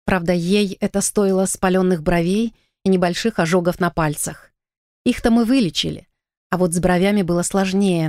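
A woman giving steady first-person audiobook narration. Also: fairly low pitch, dry recording, studio quality.

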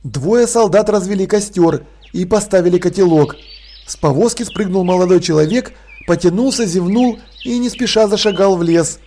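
A man with a notably high voice narrates a story in a measured, deadpan manner. His reading stays even and dry, like a calm audiobook. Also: a little hiss or hum. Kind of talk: scripted narration.

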